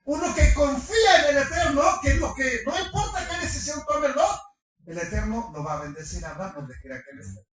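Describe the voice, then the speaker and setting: A middle-aged man preaching a sermon to his congregation, animated, firing rhetorical questions and slipping in humorous asides. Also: extremely high pitch, a little fast. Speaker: pastor. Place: large congregation hall. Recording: echoey hall from far off.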